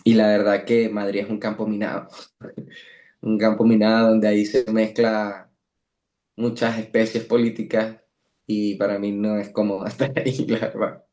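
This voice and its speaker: A man's voice: fairly low pitch, little pitch movement, normal speed, mellow. A middle-aged man from Venezuela with an Andean Venezuelan accent, speaking earnestly and firmly as an interview guest, often repeating and restarting words. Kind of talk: interview conversation.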